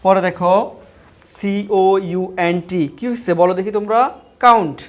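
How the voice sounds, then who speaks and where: A man's voice: sits high, steady tone, normal speed. A male teacher giving an online vocabulary lesson, spelling each word letter by letter and then repeating questions about how it is said and what it means.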